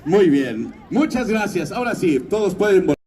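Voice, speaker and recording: A man who works as a voice actor and announcer, giving a lively stage talk at a fan expo. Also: sits high, moderate pace, far from the mic, a crowd in the background. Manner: lively storyteller, slipping into character voices.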